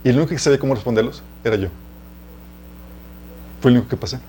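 A man's voice: medium pitch, rapid-fire, mellow, slight background noise. A man with a Mexican accent preaching a conversational teaching sermon to a live audience. He tells personal stories, laughs at his own tales, and keeps turning to the listeners with questions. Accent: Mexican Spanish. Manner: chatty, addresses listeners as "chicos", asks them questions. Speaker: preacher teaching a church series.

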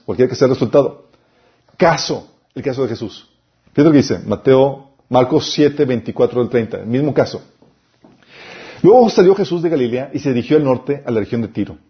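Emphatic preacher man, lo-fi. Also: mid-range voice. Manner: emphatic, lists points, reads scripture aloud. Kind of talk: sermon-style Bible teaching.

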